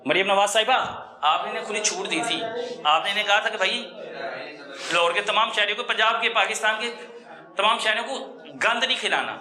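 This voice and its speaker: A male TV reporter with a Lahore Pakistani accent reports on location from a food hygiene raid on a small food workshop, confrontational, scolding and insistent, repeating himself. His voice is high-pitched and a little fast, in an echoey room with busy people and crowd noise around.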